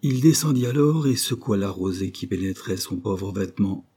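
Audiobook narrator, man, measured reading, dark mellow tone. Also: on the low side, lively intonation, breathy edge. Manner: measured, storytelling. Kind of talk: scripted literary narration.

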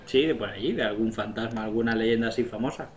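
A man's voice: on the low side, quick pace. A man chatting casually, hesitant and full of questions. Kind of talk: casual chat among friends.

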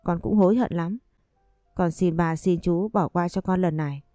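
A man's voice: high-pitched, normal speed, dark tone, dry recording, clean studio sound, faint music behind, close to an everyday voice. A woman voicing a frightened young man who begs his father for forgiveness in a read-aloud story. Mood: remorseful. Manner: whining, pleading.

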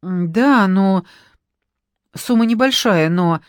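A woman's voice: medium pitch, takes it slowly, no room sound, studio quality, lightly acted. A woman reading an audiobook, voicing a flustered, apologetic shop worker who speaks in a hesitant, muffled way.

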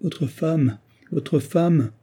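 A man's voice: a little high, extremely slow, warm tone, voice pushed up. A man reading an audiobook and voicing a desperate, remorseful woman who pleads and wails. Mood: frantic. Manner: wailing, pleading outbursts.

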